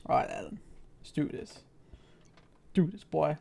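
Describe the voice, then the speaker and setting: A man's voice: a little high, expressive, measured pace, creaky, mellow, breathy edge. A man giving casual, playful and slangy live commentary while he streams a video game.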